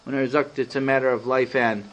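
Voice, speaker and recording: A man's voice: mid-range voice, fairly quick, low-quality recording. A man, a rabbi and educator, telling a story to young children, quizzing them and slipping in English words. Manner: animated, quizzes the kids, mixes in English.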